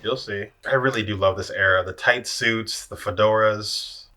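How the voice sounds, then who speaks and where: A man chatting casually while watching a film, enthusiastic and excitable. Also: on the low side, normal speed, very noisy. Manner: excitable, enthusiastic, laughs often. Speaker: film reactor. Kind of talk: casual reaction chat.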